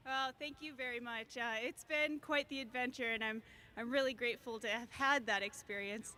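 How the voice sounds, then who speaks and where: Bright, high-voiced woman in a noisy live interview. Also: steady tone, normal speed. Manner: gracious, upbeat. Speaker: wing walker, guest performer. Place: outdoors at an airfield event. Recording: clear background noise, outdoor air show.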